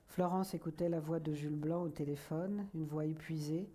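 A woman reading a literary novel aloud in a measured, soft manner that at times sinks to a whisper. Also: low-pitched, fairly even intonation. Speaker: audiobook reader. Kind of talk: literary audiobook narration.

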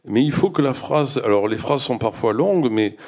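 A man's voice: mid-range voice, lively intonation, moderate pace, a little mellow. A man, an author, talking hesitantly in an interview and reading expressively from his own book into a handheld mic. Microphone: handheld microphone.

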